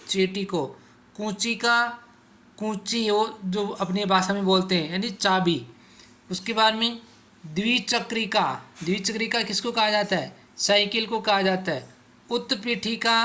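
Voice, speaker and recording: A male teacher explains what words mean to schoolchildren, posing questions and answering them himself, then repeating words so the class can say them with him. His voice is high with a sharp edge.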